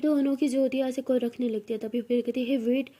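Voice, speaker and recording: A woman's voice: high voice, fairly even intonation, fast talker, mellow. A woman narrating a love story in a chatty, conversational way.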